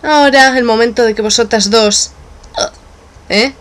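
A woman reading a game's dialogue aloud, voicing each character in turn with playful shifts in pitch. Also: a little slow. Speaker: let's play narrator voicing game characters. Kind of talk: dubbing game dialogue aloud.

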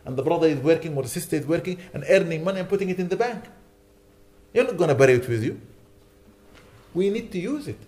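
In a lecture hall, a man with a mellow voice on the high side preaches as a sheikh. He presses his audience with rhetorical questions, over and over.

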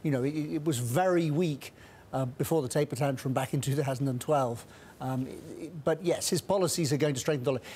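A middle-aged man with a mid-range, darkish voice appears as a guest strategist in a TV studio interview, miked with a lapel mic. He speaks briskly, restarting often and using fillers, and there's a little hiss or hum on the recording.

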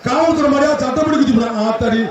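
This is a man announcing a live event through a loudspeaker, his voice very high and loud. The sound bounces back hard and reaches the mic from far off. A loud crowd fills the space behind him. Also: quick pace, very echoey. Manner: shouted announcements and warnings.

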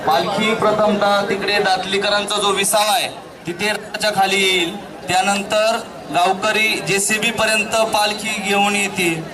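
A man announcing over a PA loudspeaker at an outdoor procession, urgently calling for the crowd's attention. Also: high voice, level tone, moderate pace, recorded from a distance. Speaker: event announcer. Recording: echoey loudspeaker heard from afar, loud crowd and noise.

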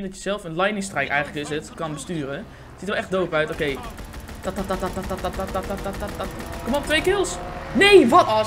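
A man giving live, excitable gameplay commentary, swearing often and talking in slang into a condenser microphone. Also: sits high, a little hiss or hum. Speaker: gaming YouTuber. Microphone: USB condenser microphone.

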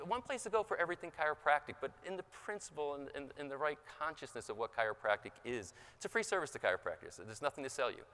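A man giving an impassioned motivational seminar talk, raising his pitch for emphasis, recorded in a large conference hall. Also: a bit bright, clean tone. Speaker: seminar speaker. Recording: large hall with long reverb.

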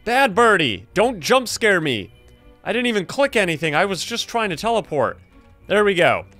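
A young adult man hosting gameplay commentary in an animated, exclaiming way, close on a streaming mic. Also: high voice, moderate pace, faint music behind. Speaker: gaming video host, streamer.

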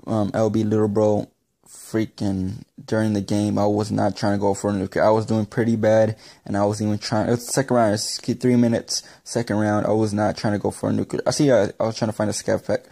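Excitable young man with a mellow voice. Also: fairly low pitch, fairly quick, creaky. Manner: excitable, rambling, repeats himself. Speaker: gaming YouTuber. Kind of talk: gameplay commentary voice-over.

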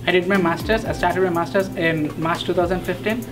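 A man's voice: sits high, fairly even intonation, brisk. A young man with an Indian English accent, a new graduate giving an earnest testimonial. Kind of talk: testimonial interview. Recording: background music.

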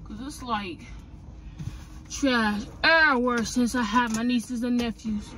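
A 21-year-old vlogger from Ohio, USA, chats casually with her viewers while at work and in her car, talking a lot and using plenty of slang. Her voice is fairly high, bright and forceful, and she speaks unhurriedly.

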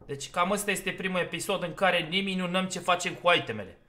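Bright-voiced man narrating a horror game. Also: high voice. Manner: talks himself through the game, easily exasperated. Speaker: gaming YouTuber. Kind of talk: let's play commentary.

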